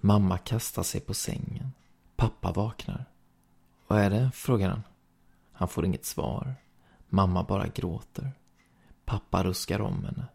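A man reads ghost stories aloud in a slow, even storytelling manner. His voice is dark and mellow, with a husky, breathy edge. A heavy gravelly fry runs through his low delivery.

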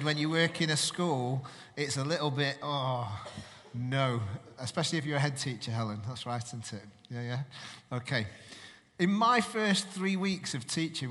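A man's voice: medium pitch, fairly bright tone. Man preaching in a hall. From Manchester, England. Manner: conversational, chatty preaching with questions to the congregation. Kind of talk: sermon.

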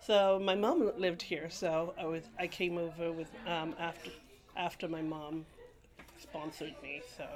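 A woman's voice: lowish voice, fairly even intonation, unhurried. A middle-aged woman from England, raised partly in Guyana, telling her life story in a rambling oral history interview at a library, with many restarts and laughs. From England, grew up partly in Guyana.

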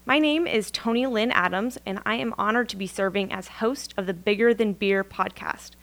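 A podcast host reads a polite, formal scripted welcome, then moves on to interviewing her guest. Her voice is medium-pitched and a bit bright, with a moderate pace.

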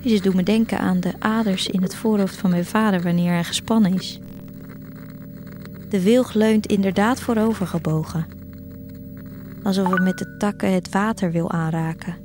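In this scripted audio drama, a female narrator and voice actor plays a longing teenage girl telling her own tale in the first person. Her natural, slightly mellow voice sits at medium pitch, moving at a moderate pace with fairly even intonation over faint background music. The feeling is intimate and reflective.

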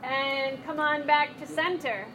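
Casting: woman yoga instructor, high voice, slow unhurried cues, live class with faint room hum. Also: steady tone, pushed and bright. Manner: encouraging, playful cueing of breath and movement.

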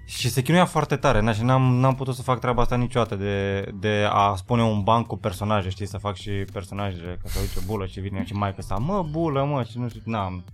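A man in a casual talk, speaking haltingly and repeating himself as he recalls things. Faint music plays in the background. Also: lowish voice, steady tone. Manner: hesitant, repeats words while reminiscing. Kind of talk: casual chat.

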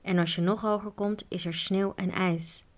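A woman's voice: mid-range voice, steady tone, normal speed, lightly acted. Woman reading as a cheerful young mountain guide. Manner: cheerful, reassuring.

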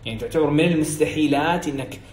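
Quick-talking young Hijazi Saudi man. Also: fairly high pitch. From Saudi Arabia. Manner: energetic, quick, encouraging. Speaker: English speaking coach. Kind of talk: casual motivational teaching. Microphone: phone video story. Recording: roomy echo, faint room hiss.

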